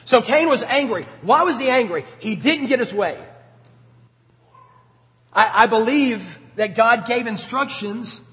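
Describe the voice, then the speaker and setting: A man preaching a sermon in a conversational way, asking the congregation questions and swinging between quiet and loud. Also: very high-pitched, lively intonation, measured pace, big-room sound, muffled recording. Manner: conversational, rhetorical questions, dynamic swings in loudness. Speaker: pastor.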